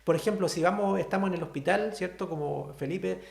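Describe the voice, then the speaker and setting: Sign language teacher on a video call, patient and explanatory, mid-pitched voice with a roomy echo. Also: fairly quick, creaky, darkish tone. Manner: patient, explanatory, often checks in with "¿cierto?". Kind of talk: online class explanation.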